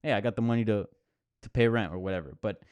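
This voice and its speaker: A man's voice: lowish voice, fast talker, darkish tone, clean tone, no room sound. A man hosting a live question-and-answer stream, talking casually with lots of fillers and restarts. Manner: rambling, many restarts and fillers; conversational, answering viewer questions. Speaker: host. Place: apartment near a hospital.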